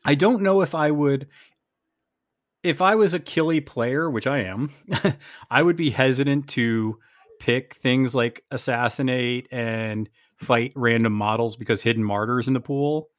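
A man with a mid-pitched voice hosts a relaxed game recap. He rambles, thinking aloud and quoting his own thoughts. The sound is dry, with little room in it. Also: unhurried, dry recording. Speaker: podcast host. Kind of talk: casual game recap chat.

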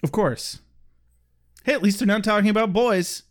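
A man's voice: high voice, normal speed. Laughing, jokey male podcast co-host. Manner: laughs often, jokey asides. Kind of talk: casual podcast chat.

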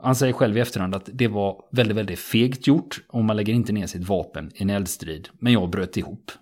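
A man with a fairly low, husky voice tells a true story to a listener in a podcast chat. His delivery is steady and matter-of-fact, moving through the account in plain, conversational sentences with frequent small hesitations.

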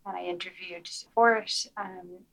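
A woman's voice: on the low side, fairly even intonation, measured pace, creaky, fairly bright tone, poor audio. A woman with a west of Ireland accent giving conversational interview answers as a researcher, hesitating and repeating words as she goes. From Galway, west of Ireland. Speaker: interview guest, academic researcher.

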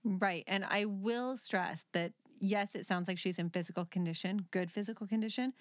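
Female true-crime podcast host. Medium pitch, casual storyteller who explains and teases, recorded dry. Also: moderate pace, dry recording.

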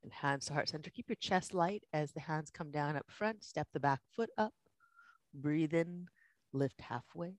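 A yoga instructor slowly coaching breath and movement through a guided class in short, spaced phrases. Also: medium pitch, dry recording.

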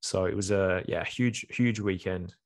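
Low-pitched and a bit slow, this young adult podcast co-host meanders through a lengthy story in casual conversation, filling it with fillers along the way.

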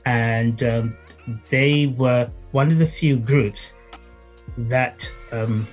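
A man explaining as a knowledgeable guest, halting in phrases and repeating points for emphasis. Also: medium pitch, steady tone, faint music behind. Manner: halting, emphatic repetition, checks with "right?" and "you see". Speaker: guest music author and historian. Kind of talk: explanatory conversation.

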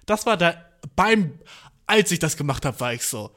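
Young male podcast host, slangy and self-mocking, slightly high voice, acts out his inner voice. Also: animated, moderate pace, a bit bright. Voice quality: slangy, swears a lot, mixes in English. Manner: self-mocking, laughs often, acts out his own thoughts. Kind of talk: casual storytelling monologue.

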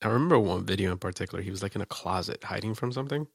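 Young man chatting loosely, creaky voice. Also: lowish voice, racing, no room sound, studio quality. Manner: loose, joking, lots of fillers and laughs. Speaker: podcast host. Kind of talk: casual chat.

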